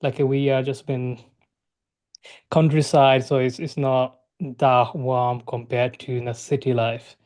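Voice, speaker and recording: A man's voice: mid-range voice, level tone, slow pace, a little mellow. Eager male podcast host. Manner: eager, loose grammar, frequent "like". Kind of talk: interview hosting.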